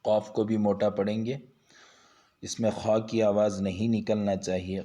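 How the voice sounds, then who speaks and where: A man's voice: fairly low pitch, flat delivery, dark tone. Patient male Quran teacher drawing syllables out. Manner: stretches each syllable slowly and patiently, explaining pronunciation. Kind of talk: slow drawn-out recitation lesson.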